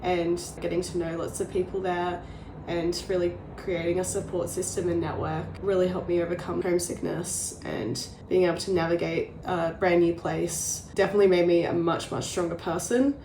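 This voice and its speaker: Woman, low-pitched and gushing, recorded in an echoey room. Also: flat delivery, moderate pace, dark tone, a little hiss or hum. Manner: enthusiastic, gushing. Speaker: former exchange student. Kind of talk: casual interview answers.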